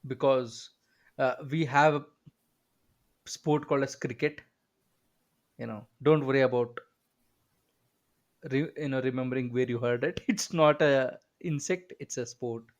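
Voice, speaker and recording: Male host, mid pitch, playful and teasing, casual podcast chat. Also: measured pace, long pauses. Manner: joking, teasing, with frequent filler backchannels.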